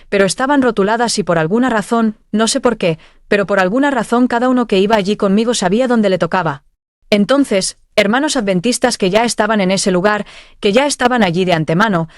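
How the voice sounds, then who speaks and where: A woman's voice: medium pitch, dry recording, studio quality. A woman telling of a dream vision at church, earnest and heartfelt. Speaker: church member giving testimony.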